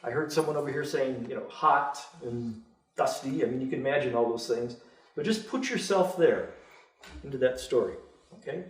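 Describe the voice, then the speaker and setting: A man's voice: moderate pace, recorded from a distance. A man teaching a group, retelling a Bible story aloud and lifting his voice for the quoted speakers. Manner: animated, raises pitch for quoted characters. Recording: echoey room, voice from afar.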